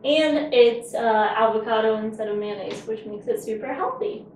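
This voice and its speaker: A woman with a fairly high voice hosts a casual home cooking show, chatty and joking as she samples dishes. She is picked up from across an echoey kitchen with faint room noise. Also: normal speed, a little mellow. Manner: chatty, joking, talks with her mouth full. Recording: echoey kitchen, mic far off.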